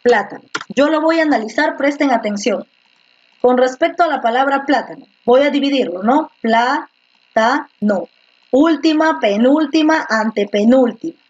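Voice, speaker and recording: A woman's voice: high-pitched, moderate pace. A woman teacher giving an online class, patiently repeating words and quizzing her students, heard through a computer microphone. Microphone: computer microphone in a video class. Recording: slightly muffled lo-fi audio.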